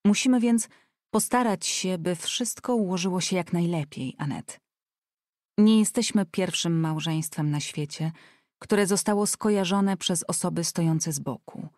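A woman reading an audiobook voices a kind, frank young man who speaks calmly and persuasively. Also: on the low side, a little slow, no echo, studio quality, lightly acted. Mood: earnest.

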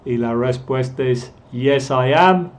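Slow, deliberate male English teacher. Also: medium pitch. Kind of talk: grammar lesson explained in Spanish.

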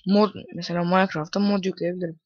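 A man's voice: high voice, little pitch movement, quick pace, no echo. Frustrated young guy ranting over a game. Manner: frustrated, swears often, rants at the game. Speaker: gaming YouTuber. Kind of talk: casual gameplay commentary. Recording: muffled lo-fi home recording.

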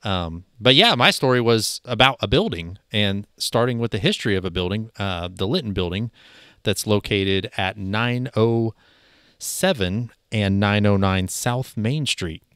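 A man co-hosting a newsroom podcast in a fairly low voice. He chats casually and tosses in dry, wry remarks. The studio sound is dead and close. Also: unhurried, fairly bright tone, clean tone, no room sound.

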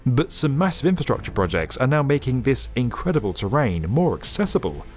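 A man narrating a scripted documentary in a lively, upbeat explainer manner. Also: medium pitch, a little fast. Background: faint background music.

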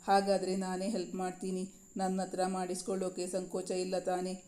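A woman voicing a playful, doting young husband in a spoken story, teasing and coaxing in a flat, mellow voice. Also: on the low side, brisk, lightly acted.

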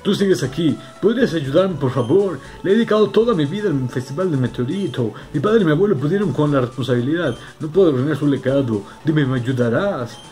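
A man's voice: on the high side, lively intonation, brisk, few pauses, warm tone, pitched above the performer's own voice, natural voice. A man voicing a troubled village elder from a video game, dramatic and imploring. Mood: pleading. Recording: music behind the voice.

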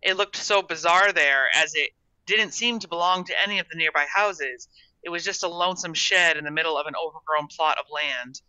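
A woman reading her own short story aloud in an expressive storybook narration, on a dull, dry recording. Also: low voice, a little fast, no echo.

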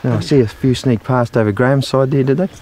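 A man's voice: medium pitch, fast, dark tone. A man chatting casually outdoors. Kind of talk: casual chat. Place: outdoors on a grassy hillside.

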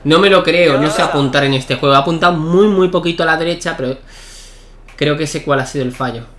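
A young man giving excitable live commentary while playing a tennis video game, shouting at key points. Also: fairly high pitch, fast, background noise. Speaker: gaming YouTuber.

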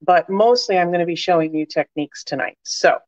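A chatty woman demonstrates crafts on a live stream, her voice a bit low. She has a slight cold and talks around a cough drop. The sound is dry and a little dull, like a home recording. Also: a little fast, no room sound. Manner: chatty, warm, many fillers and asides to viewers.

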